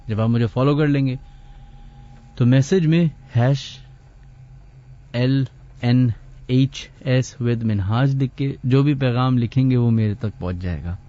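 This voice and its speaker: Unhurried man hosting late-night radio. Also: mid-range voice, warm tone. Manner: unhurried, deliberately slow talker; chatty, reads out listener names. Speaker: radio show host. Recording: slightly dull radio studio audio.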